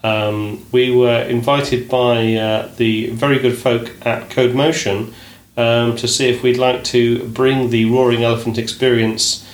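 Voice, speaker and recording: A man hosting a casual podcast chat in a hotel room. He talks in a measured way, often says "indeed", and is recorded on low-quality audio. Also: level tone, roomy sound. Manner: measured, fond of saying "indeed", many "uh" and "um". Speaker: podcast host.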